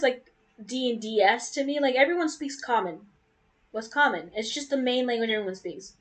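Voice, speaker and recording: A woman's voice: sits high, fairly bright tone. A young woman giving casual, rambling commentary while playing a game. She laughs often, chats between bites of food and trails off mid-thought. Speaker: gaming YouTuber. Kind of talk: casual let's play commentary.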